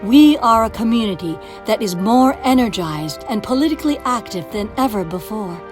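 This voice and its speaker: A woman's voice: fairly high pitch, expressive, moderate pace, over music. A woman giving a firm, emphatic, scripted rallying narration for a campaign video.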